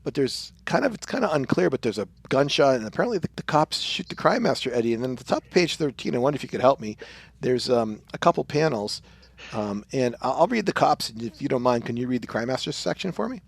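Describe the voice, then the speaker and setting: A man's voice: medium pitch, sing-song, fast, gravelly, slightly rough. A man hosting a comic book podcast, recapping issues in a rambling, casual way with lots of fillers. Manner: rambling, with many fillers, acts out lines in exaggerated voices. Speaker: podcast host.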